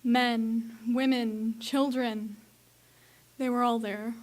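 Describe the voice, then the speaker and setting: A woman's voice: on the high side, steady tone, very slow. A girl playing an earnest onlooker in the crowd. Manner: earnest, shouting at times. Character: young woman in the crowd, conflicted and earnest. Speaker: student actor.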